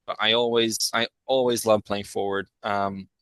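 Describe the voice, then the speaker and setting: Low-voiced young man telling his story. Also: level tone, moderate pace, fairly bright tone, clean tone, no room sound, rough recording. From Hong Kong. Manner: expansive, talks at length with self-corrections. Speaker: guest, rugby player. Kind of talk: casual podcast chat.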